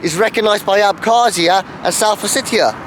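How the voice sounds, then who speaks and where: A man's voice: high-pitched, moderate pace, fairly bright tone, slight background noise. A man filming a travel vlog outdoors on a city street in winter, shivering from the cold as he explains what he sees. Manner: chatty, informative, self-filming. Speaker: travel vlogger.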